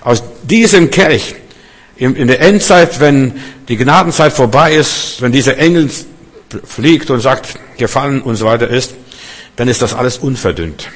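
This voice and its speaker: Male preacher, fervent sermon delivery, booming cries and hushed asides, long hall reverb. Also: moderate pace. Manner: fervent, swings from loud proclamations to low hushed asides.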